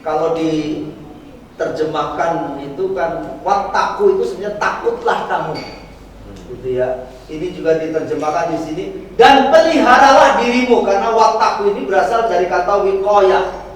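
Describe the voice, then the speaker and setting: High-voiced preacher echoing in a mosque hall. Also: male voice, normal speed, a little hiss or hum. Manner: explanatory, asks the audience questions. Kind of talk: dawn sermon to a congregation. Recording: echoey hall from far off.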